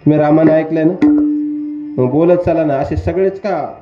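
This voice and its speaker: A man preaching a devotional kirtan sermon, telling stories and questioning the audience in an animated way. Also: a little high, normal speed. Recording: echoey, slightly dull hall recording. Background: instrument music.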